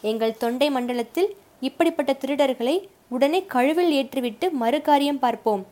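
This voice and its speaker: A woman's voice: a little high, moderate pace, darkish tone, natural voice. A woman voicing a bold young male warrior who protests indignantly and emphatically in a storybook reading.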